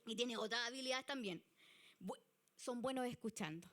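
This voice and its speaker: A woman with a Chilean Spanish accent giving a church youth leadership lesson, chatty and animated. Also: fairly high pitch, moderate pace. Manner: chatty and animated, acts out example people.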